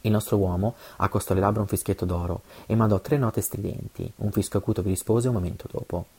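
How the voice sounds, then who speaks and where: A man's voice: on the low side, steady tone, fast talker, darkish tone, slightly rough. A man reading an adventure novel aloud, with occasional stumbles and self-corrections. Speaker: audiobook reader.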